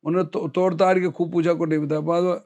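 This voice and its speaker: A middle-aged Indian army veteran telling a war story as an interview guest, acting out the quoted dialogue. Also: male voice, a little high, flat delivery, fast talker, darkish tone, lo-fi sound. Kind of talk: storytelling in casual conversation.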